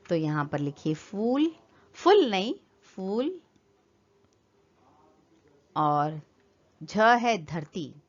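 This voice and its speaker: A woman's voice: medium pitch, dull audio. A woman teaching a children's lesson, patiently spelling words out for young kids.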